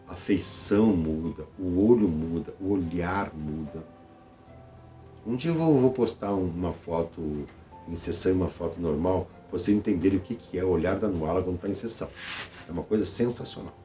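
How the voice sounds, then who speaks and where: Low, mellow-voiced Brazilian man chatting. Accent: Brazilian Portuguese. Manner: conversational, repeats phrases, frequent "tá?" tags. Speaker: channel host. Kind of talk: casual vlog monologue.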